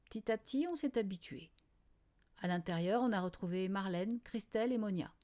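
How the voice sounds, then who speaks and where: A woman narrating a children's novel in the first person, in a quiet, wry diary style. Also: mid-range voice, fairly quick. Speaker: audiobook reader.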